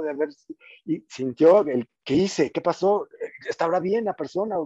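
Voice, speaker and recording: Mellow-voiced man telling a story. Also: a little high, no echo. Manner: animated, emphatic storyteller with frequent restarts. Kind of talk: storytelling and reflective chat. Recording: dull muffled audio.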